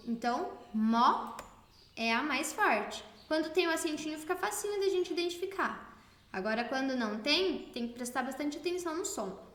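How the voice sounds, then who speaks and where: A Brazilian woman teacher giving a recorded lesson to children, speaking slowly and stressing syllables clearly. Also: high voice, bright, forceful tone, echoey room. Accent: Brazilian Portuguese.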